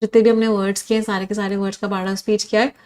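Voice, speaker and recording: A woman's voice: medium pitch, racing. Indian woman teaching vocabulary live. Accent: Indian English. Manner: animated, reads comments and drills synonyms with students. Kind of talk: live online vocabulary lesson.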